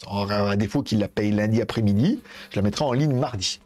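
A man's voice: lowish voice, a little fast, a little mellow. A man in a casual live stream, rambling and joking about phones and his plans, swearing now and then while he handles the devices. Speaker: tech streamer.

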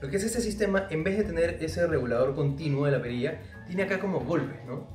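Young man, guitar teacher, casual lesson, high voice, echoey room. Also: fairly quick, distant mic. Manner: relaxed, explains step by step, addresses viewer directly. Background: faint guitar playing.

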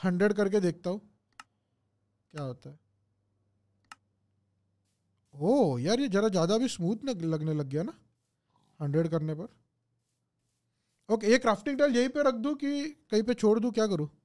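A young man streams a game casually, his high voice lively and a little mellow at a moderate pace with long pauses. He thinks aloud and answers viewer comments, slipping in English phrases as he chats through the gameplay.

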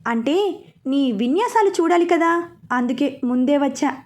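A brooding young man who teases his sweetheart calmly and dryly, as a woman narrator reads him. The voice stays high, since the reader barely shifts it. It is storybook dialogue, unhurried and low-key. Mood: teasing. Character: calm teasing young man, brooding lover.

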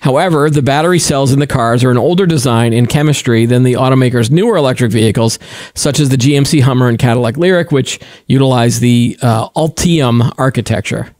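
A man's voice: medium pitch, fairly quick, darkish tone, dry recording, clean studio sound. A middle-aged man co-hosting a tech podcast, chatting casually in a rambling, self-correcting way. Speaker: podcast co-host.

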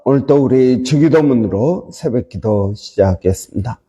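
A man pastor leading an early-morning prayer sermon, slow and halting with many fillers. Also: mid-range voice, animated, warm tone, husky, long reverb tail.

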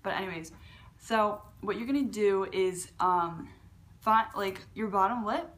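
A young woman with a fairly low voice for a woman gives a casual beatbox tutorial to a webcam from her large living room at home. She speaks unhurriedly with a slightly bright tone, full of fillers and restarts.

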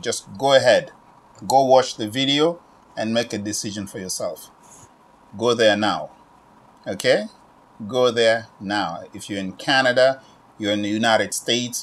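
A man in his forties from the Democratic Republic of Congo, standing in his own shop and pitching an online training straight to the camera, repeating himself and tagging lines with "okay?". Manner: repetitive, urging, with frequent "okay?" tag questions. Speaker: business owner promoting online training. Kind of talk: direct-to-camera sales pitch. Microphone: camera at medium distance, standing.

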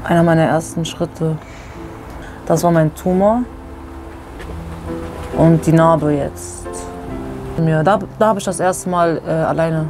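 A woman in her twenties from Germany, telling her own story in a candid, casual documentary interview, recorded outdoors in a garden with a lapel mic. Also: low voice. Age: 20s. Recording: music bed behind the voice.

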